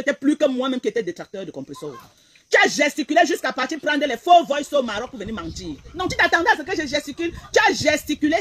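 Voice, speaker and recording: A woman's voice: sits high, slight background noise, low-quality recording. A woman blogger, delivering a heated, repetitive, confrontational rant on a live stream.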